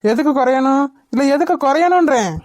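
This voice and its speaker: A playful romantic young cartoon husband. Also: female voice, sits high, expressive, brisk. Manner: coaxing, joking.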